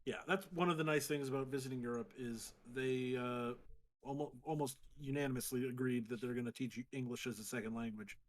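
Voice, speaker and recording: A man's voice: medium pitch, steady tone, brisk, poor audio. A man in his thirties with a standard American accent, chatting casually and rambling a little as a podcast co-host. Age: 30s. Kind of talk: casual chat.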